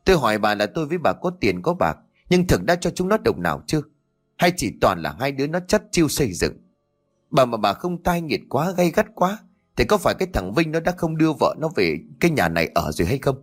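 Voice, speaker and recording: A man voicing an angry elderly grandfather who scolds his wife in a reproachful, rapid shouting manner. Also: mid-range voice, very animated, faint music behind, voice pushed up. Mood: angry scolding.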